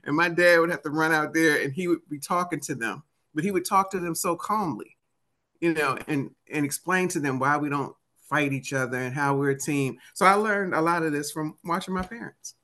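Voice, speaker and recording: Bright, forceful woman with a DC accent. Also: deep voice, fairly quick. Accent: Washington DC. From United States, Washington DC area. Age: 50s. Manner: acts out remembered dialogue. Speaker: interview guest, author and motivational speaker. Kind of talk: animated conversational storytelling.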